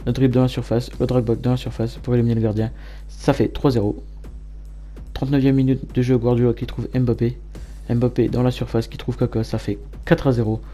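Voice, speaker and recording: A man giving matter-of-fact play-by-play commentary as a gamer over his own match highlights. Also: dark tone. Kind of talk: gameplay commentary.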